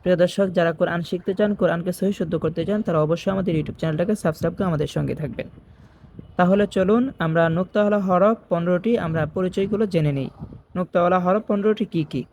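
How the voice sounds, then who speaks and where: A man teaching Quran reading, slowly repeating each Arabic letter sound and explaining where in the mouth it is made. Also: sits high, darkish tone, slight background noise. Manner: chants the Arabic opening phrases in a drawn-out sing-song.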